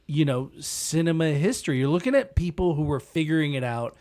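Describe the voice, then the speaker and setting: A man with a slightly high voice talks as a podcast co-host. His delivery is conversational, rambling and profane, in loose comedic chat. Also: brisk, darkish tone.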